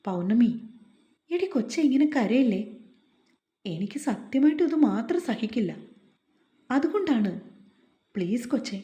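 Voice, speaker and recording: A woman's voice: fairly high pitch, lively intonation, unhurried, pauses often, echoey room. A woman doing a tender young man. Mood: pleading. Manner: soft, coaxing and affectionate.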